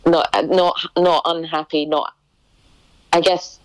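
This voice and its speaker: A woman's voice: low-pitched, flat delivery, takes it slowly, dry recording, low-quality recording. A young woman musician chatting in an interview, hesitant, with many restarts and ums. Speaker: musician guest. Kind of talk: casual interview chat.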